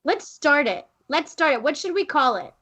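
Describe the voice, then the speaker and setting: A woman's voice: high-pitched, big pitch swings, normal speed, sharp tone. Playful laughing woman podcast co-host. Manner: playful, laughs often, jokey wordplay. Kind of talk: casual chat.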